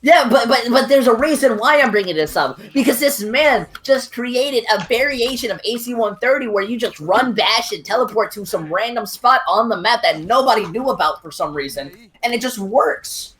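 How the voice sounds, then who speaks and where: A woman casting a live esports match, giving a brisk running call of the action. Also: fairly high pitch, animated, fairly bright tone. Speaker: esports play-by-play caster. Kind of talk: live play-by-play commentary.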